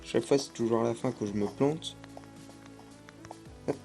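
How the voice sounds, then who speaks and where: A man's voice: mid-range voice, moderate pace, gravelly, music in the background. A young man giving casual gameplay commentary, hesitant and full of fillers. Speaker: gaming YouTuber.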